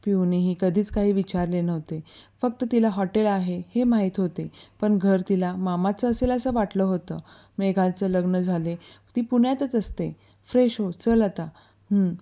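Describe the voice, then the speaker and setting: A woman narrating a romantic story in a calm, even reading. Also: medium pitch, normal speed.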